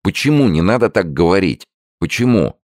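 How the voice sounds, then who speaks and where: A man's voice: low voice, sing-song, moderate pace, no room sound, clean studio sound, pitched above the performer's own voice. A man voicing an anguished young man pleading with his father in an audiobook. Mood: distressed. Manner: pleading, emotional.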